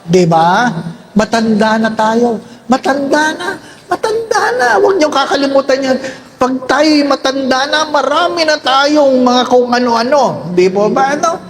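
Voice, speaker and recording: High-voiced joking older priest. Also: male voice, measured pace, a little hiss or hum. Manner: jokey, constantly checks in with the congregation. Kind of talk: humorous sermon.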